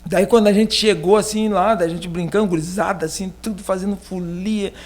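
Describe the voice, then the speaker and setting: A man's voice: high voice, steady tone, fairly quick, a little mellow. A man with a southern Brazilian accent from Rio Grande do Sul, a pastor casually telling a personal story on a podcast in a rambling, filler-heavy way. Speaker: pastor being interviewed.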